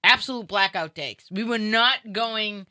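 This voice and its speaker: A middle-aged woman, a guest on a talk show, chatting casually with jokes and quick asides. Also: mid-range voice, pushed and bright, dry recording, clean studio sound. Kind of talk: casual chat.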